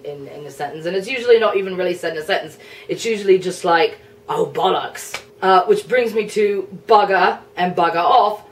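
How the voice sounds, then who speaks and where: A woman's voice: fairly low pitch, distant mic, natural voice. England as a chatty young nation, played by a woman. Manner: chatty, explanatory, a bit flustered, laughs often. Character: England, a personified young male nation, blunt and prickly. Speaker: cosplayer answering viewer questions. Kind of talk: in-character cosplay Q&A.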